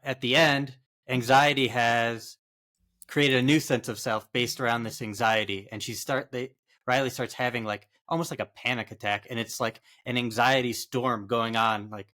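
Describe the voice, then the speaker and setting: A man's voice: medium pitch, steady tone, moderate pace, pushed and bright. A middle-aged man co-hosting a podcast, recapping a film in a rambling way full of likes. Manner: laughs often, rambling with many likes. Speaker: podcast co-host. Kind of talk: casual podcast chat.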